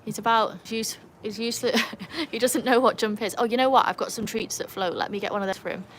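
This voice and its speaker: This livestream host is an Englishwoman with an English accent, talking casually by her backyard pool, chatty and quick to laugh, and calling to her dogs. She talks fast in a slightly high, steady voice against a noisy background.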